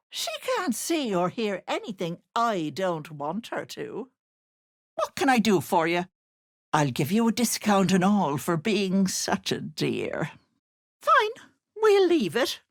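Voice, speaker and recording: A woman's voice: mid-range voice, huge pitch swings, takes it slowly, dry recording, clean studio sound, heavily acted. A woman playing a sly, wicked old hag in a video game, posing as a sweet auntie, with cloying endearments laid over gloating menace. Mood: syrupy teasing. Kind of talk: video game character voice acting.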